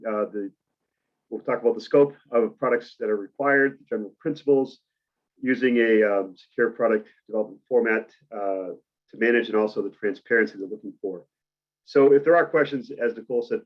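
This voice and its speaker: A man with a Boston accent presenting on a webinar, measured and explanatory, with frequent uhs. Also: on the low side, highs cut off. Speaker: industry presenter. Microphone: video call mic.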